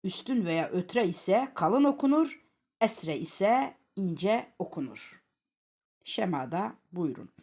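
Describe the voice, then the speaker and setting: A woman with a Turkish accent teaching Quran reading. She repeats each example word slowly and loudly, then explains it more quietly. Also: fairly low pitch, very animated. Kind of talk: slow step-by-step recitation lesson.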